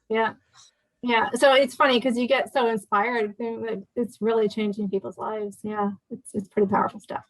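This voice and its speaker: A woman's voice: fairly high pitch, fairly even intonation, measured pace, dry recording, poor audio. A woman in her fifties, a guest chatting casually in an interview, talking with many fillers and restarts. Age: 50s.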